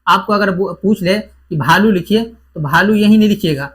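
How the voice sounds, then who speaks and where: A man's voice: sits high, fairly bright tone. A man teaching an exam-prep grammar lesson, who repeats each point and asks and answers his own questions.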